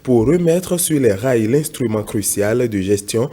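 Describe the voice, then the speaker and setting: A man speaking as a news journalist, giving a formal and measured report on air. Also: medium pitch, animated, dark tone.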